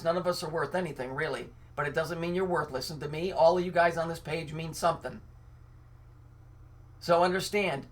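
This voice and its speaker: An online commentator with a mid-range, slightly bright voice delivers an angry monologue. He reads out news items and interrupts them with sarcastic, profane comments.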